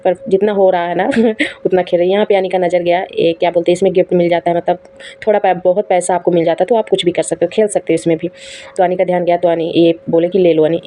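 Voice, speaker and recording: A woman's voice: fairly low pitch, mellow. A young woman, a mother, narrating a family outing in a chatty, amused vlog voice-over that keeps addressing viewers as guys. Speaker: vlogger.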